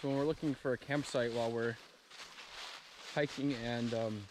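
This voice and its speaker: A young man talks through a hiking vlog as he walks a forest trail, relaxed and explanatory. His voice sits at an ordinary middle pitch. Clear outdoor noise runs under it on the camera mic. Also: moderate pace. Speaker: vlogger. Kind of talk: casual hiking vlog narration.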